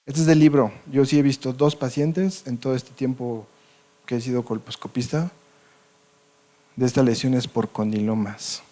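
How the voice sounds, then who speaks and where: A male doctor with a Mexican Spanish accent gives a medical lecture to a live audience. His voice is dark and mellow, and he keeps asking the room "ok?" to check that they follow. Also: medium pitch, steady tone, moderate pace. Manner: conversational, checks in with frequent "ok?" and "¿sí o no?".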